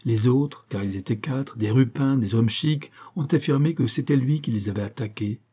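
A man's voice: mid-range voice, moderate pace, mellow, husky, close to an everyday voice. A man voicing a small, sweet-voiced young woman who speaks earnestly and with emphasis in an audiobook. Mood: pleading insistent.

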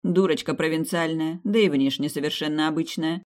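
A cold, blunt middle-aged mother in an audiobook, speaking in short, dismissive phrases, voiced by a woman narrator. Her voice is a touch louder and sharper-edged than the narration, with no warmth in it. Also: sits low, a little fast, lightly acted. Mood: scornful. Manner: curt, dismissive, harsh.

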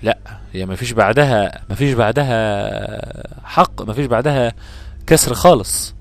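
A man with an Egyptian accent teaching a lesson on Quran recitation, explaining patiently, repeating his examples and chanting verses slowly. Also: mid-range voice, gravelly, soft background music. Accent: Egyptian Arabic.

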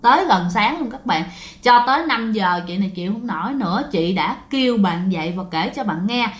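A woman's voice: medium pitch, expressive, a little fast, reverberant. A woman telling a ghost story in a casual, chatty way, addressing listeners directly.

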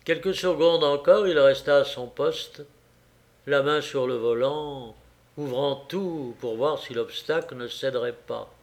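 A man reading a classic novel aloud as an audiobook, in a measured, deliberate way. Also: medium pitch. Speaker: audiobook narrator.

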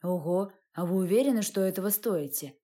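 A frank young man talks bluntly with a slight tease, read by a woman narrator in an audiobook. The voice stays warm and dark, close to the reader's own, with an easy, conversational delivery. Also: mid-range voice, brisk, close to an everyday voice. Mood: blunt, curious.

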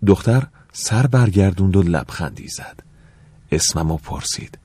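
A man narrating an audiobook in the first person, calm and measured, at times dropping to a soft whisper. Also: low-pitched, breathy edge, no echo, studio quality.

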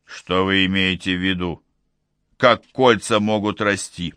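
A man's voice: sits low, fairly even intonation, unhurried, a bit bright, smooth, no room sound, studio quality. A man voicing a skeptical male scientist who sounds short of breath, in an audiobook.

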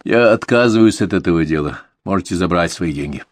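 A man reading a stubborn, calm male hired killer in an audiobook, speaking tersely and deliberately in a hoarse voice. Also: low-pitched, no room sound.

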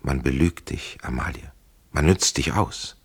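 A man playing an ardent, defiant captive officer in an audiobook, earnest and quietly passionate. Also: extremely low pitch, a little slow, slightly rough, exaggerated voice. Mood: persuasive.

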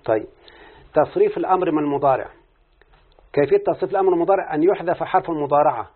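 A slightly high-pitched man with an Egyptian accent rattles off his words rapid-fire. The tinny, phone-like audio captures him reciting an Arabic morphology lesson as a student, going step by step through questions and answers and checking with his teacher throughout.

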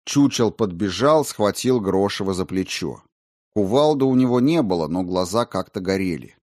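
Guy reading an audiobook, lowish voice, dry close sound, steady. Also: moderate pace, dry recording. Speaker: audiobook narrator. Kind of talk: scripted narration.

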